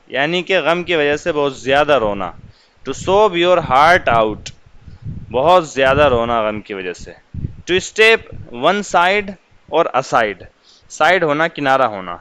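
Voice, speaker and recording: Man teaching English words, smooth voice. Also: on the high side, fairly bright tone, poor audio. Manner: slow, deliberate reading of English examples, repeating glosses. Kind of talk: vocabulary lesson explaining English words in Urdu.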